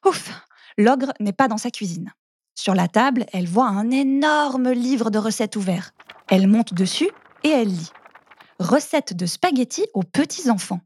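Animated woman reading a children's story. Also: fairly high pitch, normal speed, breathy edge, dry recording, clean studio sound. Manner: expressive, animated.

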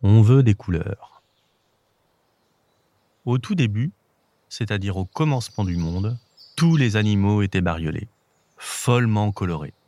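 A man reading a children's story aloud with gentle, expressive storytelling. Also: on the low side, measured pace, pauses often, slight background noise.

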